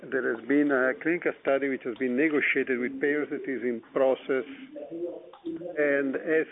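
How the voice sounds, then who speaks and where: A man, a company executive, answering analyst questions on a conference call in a measured, hesitant way. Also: mid-range voice, gravelly. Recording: tinny phone line.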